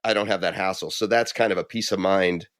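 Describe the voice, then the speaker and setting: Animated middle-aged man chatting casually. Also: low-pitched, fast, no echo, studio quality. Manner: animated storyteller, acts out quoted voices. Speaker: podcast co-host. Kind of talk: casual chat.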